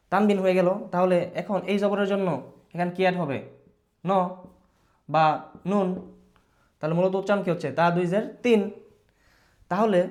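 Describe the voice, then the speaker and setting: A man's voice: sits high, darkish tone. A male teacher giving a patient children's reading lesson, asking questions, answering them himself and mixing in English words. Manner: mixes English words into his speech.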